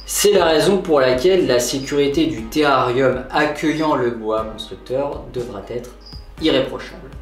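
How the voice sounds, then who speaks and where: A man's voice: medium pitch, moderate pace. A man giving a formal, instructive scripted narration in the style of a nature documentary. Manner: didactic, formal phrasing. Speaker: presenter of an animal care video. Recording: roomy echo, distant mic, background music. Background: music.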